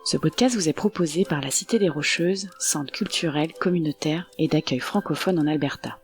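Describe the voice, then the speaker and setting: A woman hosting a podcast, reading a measured, scripted introduction. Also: low-pitched, faint music behind. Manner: measured, even narration. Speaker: podcast host. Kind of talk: scripted narration.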